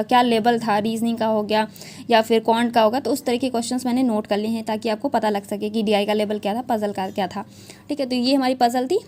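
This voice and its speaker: A young woman with a fairly high voice explains exam questions in a relaxed, chatty way. She keeps checking in with her viewers and slips English words into her Hindi. A faint hiss sits under her voice. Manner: chatty, repeats "theek hai" often, mixes English into Hindi. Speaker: exam prep educator. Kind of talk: casual exam analysis talk.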